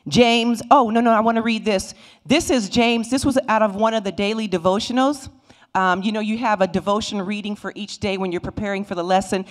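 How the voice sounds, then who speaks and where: A middle-aged woman teaching a Bible lesson in a church sanctuary, speaking into a handheld microphone and retelling the stories with lively voices for the figures. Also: medium pitch, fairly quick. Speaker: Sunday school teacher.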